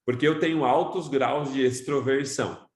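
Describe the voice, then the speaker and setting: A Brazilian man teaching an online course, lively and loud, constantly shifting his tone and pace as he lectures his students. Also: medium pitch, normal speed, reverberant. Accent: Brazilian Portuguese. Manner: animated, talks loud, varies his tone constantly.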